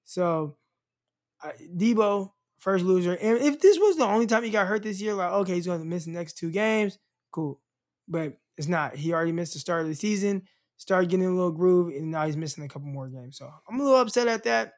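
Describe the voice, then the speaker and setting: A young man co-hosting a casual sports podcast, ranting in an animated way, full of fillers. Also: high voice, a little fast. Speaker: podcast co-host.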